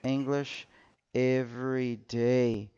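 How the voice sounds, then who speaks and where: A man's voice: mid-range voice, flat delivery, drawn-out words, mellow, clean tone, dull audio. A man teaching English in a live class, patiently repeating example sentences.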